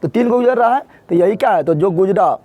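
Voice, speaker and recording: A man's voice: high voice, lively intonation, a little fast, dry recording, highs cut off. A man teaching a physics lesson, asking students questions and repeating key words again and again. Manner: repetitive call-and-response questioning. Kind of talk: classroom lecture.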